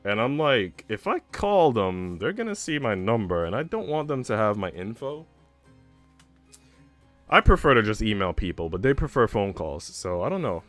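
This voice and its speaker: This young American streamer has a lowish, slightly bright voice with a sing-song lilt and a moderate pace. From an indoor room at home, backed by music, he hosts and jokes around with viewers in slangy talk, cursing freely.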